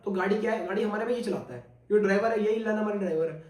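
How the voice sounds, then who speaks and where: Fast-talking young man spinning a scary tale. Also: high-pitched, roomy sound, recorded from a distance. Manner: animated, crude slang, swears for emphasis. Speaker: podcast storyteller. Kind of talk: casual storytelling chat.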